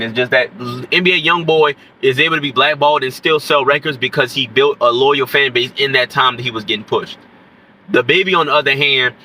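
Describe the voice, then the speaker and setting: A sick, congested man with a nasal voice, stuffy nose and scratchy throat rambles casually to camera, commenting on hip-hop as an independent rapper and repeatedly saying "you know what I'm saying." His voice sits on the high side with a bright, forceful tone, and the recording is rough.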